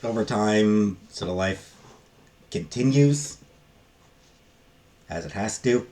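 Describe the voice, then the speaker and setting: In an off-the-cuff book review, a man with a very low, dark voice speaks with lively intonation. His delivery is casual and meandering, with halting phrases that tend to fade out.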